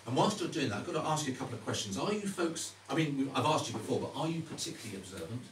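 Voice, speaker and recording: Chatty male card magician's patter, lively pitch. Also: rapid-fire. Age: middle-aged. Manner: chatty, teasing, questioning asides to audience. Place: indoor stage before a small live audience. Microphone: distant audience camera. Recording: roomy, noisy live recording from far off.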